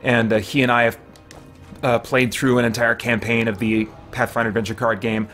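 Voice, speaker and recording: Over game music, a middle-aged man delivers brisk, flat live commentary in a mid-range, somewhat bright voice. He's a game streamer working from a small home office, casually chatting and thinking out loud while he plays.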